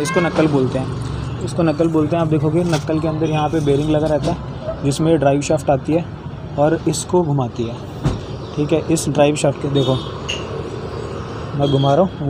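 With a voice on the high side, a young man in his twenties hosts a casual vlog from an outdoor garage workshop. He hesitantly points out car parts step by step to explain the mechanics, while street and vehicle noise plays behind him.

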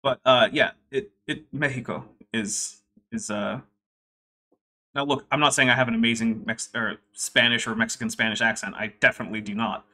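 A young man casually hosts a livestream from home, chatting wryly and reading super chats aloud. His medium-pitched voice is bright and forceful, with fairly even intonation at normal speed.

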